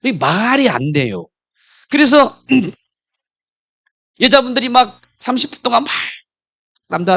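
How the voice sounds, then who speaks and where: A man preaching a sermon as pastor, telling stories in an animated way and acting out couples' quarrels. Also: fairly high pitch, no room sound, studio quality.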